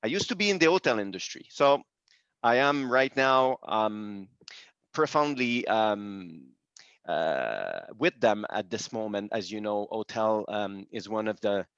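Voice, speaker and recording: A French-speaking man from Quebec, Canada, hosts and presents a webinar in English with a low, dry voice that sounds a bit bright, clear and resonant. He's animated yet measured in pace, though his presentation is hesitant, with frequent pauses and restarts in his second language. The dull, dry video call audio has no room sound.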